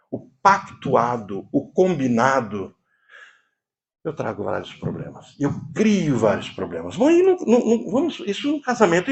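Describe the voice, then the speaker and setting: A man from Brazil preaching a sermon, moving from low quiet asides to high emphatic lines. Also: dull audio. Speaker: preacher and therapist.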